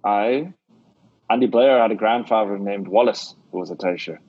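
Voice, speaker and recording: An actor playing a shrewd, blunt middle-aged Scottish theatre owner, with a Scottish accent, in an old-time radio drama. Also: male voice, on the low side, normal speed, a little mellow, breathy edge, dry recording. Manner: blunt, scolding, sly. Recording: dull dry lo-fi radio recording.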